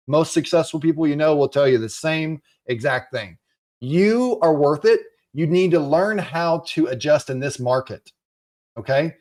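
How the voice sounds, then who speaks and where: A man coaching real estate investors, giving an urgent, encouraging sales pitch and repeating his phrases.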